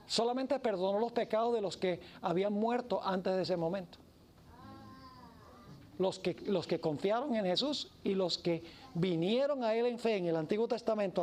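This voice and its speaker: Preacher, emphatic, mid-pitched voice, faint room noise behind. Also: a little mellow. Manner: emphatic, acts out the story. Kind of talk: sermon.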